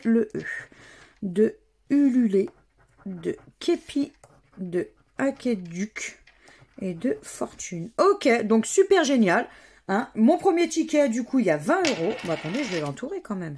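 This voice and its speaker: A woman's voice: on the high side, darkish tone, husky. A woman from France giving a casual running commentary as she scratches lottery tickets, spelling out letters one by one. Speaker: scratch-card vlogger.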